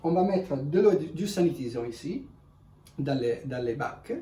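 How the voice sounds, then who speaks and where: A man in gives an unscripted product demonstration in halting, self-correcting, speech. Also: fairly high pitch, lively intonation, warm tone. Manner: halting non-native French with self-corrections. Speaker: ice cream machine presenter. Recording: echoey room, distant mic, faint noise.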